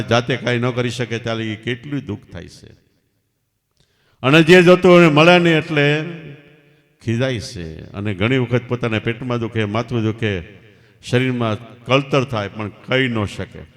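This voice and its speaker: A man giving a devotional storytelling sermon as a spiritual teacher, swinging sharply between loud and soft. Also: mid-range voice, moderate pace. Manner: emphatic, rising and falling sharply in loudness. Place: large hall at night satsang. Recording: long hall reverb.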